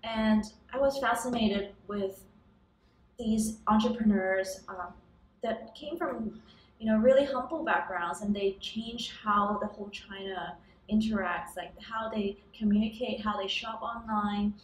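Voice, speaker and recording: Slightly slow and medium in pitch, a young female startup founder from Hong Kong thinks aloud through interview questions, casual with lots of ums, restarts and occasional laughter. The setting is an office room with a large window showing city towers, and the audio is roomy, the mic a bit far off.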